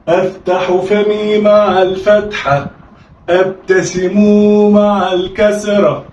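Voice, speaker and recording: A man with an Egyptian accent teaching children to read, drawing out syllables and leading call-and-repeat drills. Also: high-pitched. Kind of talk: recorded children's reading lesson. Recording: echoey, distant, dull audio with faint noise.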